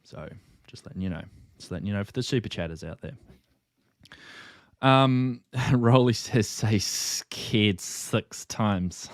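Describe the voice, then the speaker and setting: Man, low smooth voice, casual stream co-host, laughs often, reads chat aloud, close dry mic. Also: fairly bright tone, dry recording. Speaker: co-host of a ham radio livestream. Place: home room at night.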